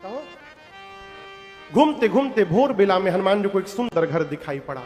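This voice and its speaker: Purvanchal accent preacher man, high voice, folksy storytelling, talks right to the crowd, big echoey hall, instruments playing soft behind. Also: sing-song, moderate pace. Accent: Purvanchal Hindi. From Purvanchal, India. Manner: folksy, addresses the audience directly. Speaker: devotional katha storyteller. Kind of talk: devotional storytelling sermon with sung verses. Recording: long hall reverb with music.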